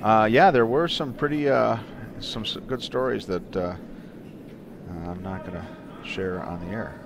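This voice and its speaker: A man's voice: on the low side, normal speed, gravelly. A man commentating on curling, asking his partner questions and joking dryly. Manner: dry joking, asks leading questions. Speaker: play-by-play commentator. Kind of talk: live sports commentary. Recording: noisy venue background.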